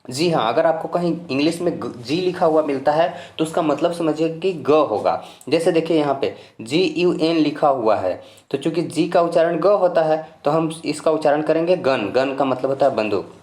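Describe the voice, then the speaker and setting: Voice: mid-range voice, animated, normal speed, darkish tone. A teacher with a mid-range voice walks through a pronunciation lesson, spelling out each word letter by letter. The delivery is patient and reassuring, and each rule comes round more than once. The voice carries a roomy echo. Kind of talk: step-by-step spoken lesson.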